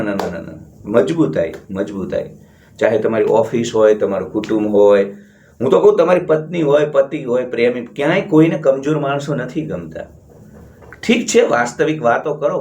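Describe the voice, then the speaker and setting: A man from India delivers a blunt motivational monologue to his channel's viewers. He talks in a scornful, emphatic way and repeats words to drive each point home. His voice sits in a middle pitch. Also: a little mellow. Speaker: motivational channel host and counselor.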